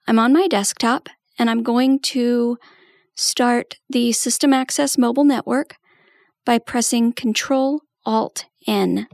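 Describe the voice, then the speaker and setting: Slow, gravelly woman explaining steps. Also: a little high, fairly even intonation, a little mellow, no echo, clean studio sound. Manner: patient step-by-step explanation. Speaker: assistive technology trainer. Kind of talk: tutorial walkthrough.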